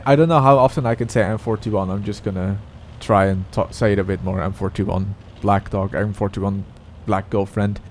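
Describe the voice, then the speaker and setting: A man's voice: mid-range voice, darkish tone, slight background noise. A man commentating over his own gameplay in a casual, rambling way, often stopping to correct himself. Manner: rambling, self-correcting, chatty.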